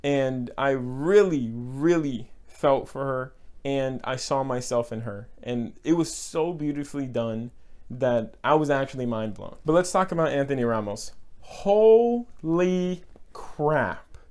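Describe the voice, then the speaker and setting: Speaking slowly in an animated, mid-range voice with a touch of mellowness, a young Texan reviews a film casually. He's earnest and emotional, repeats words for emphasis, and laughs briefly from time to time.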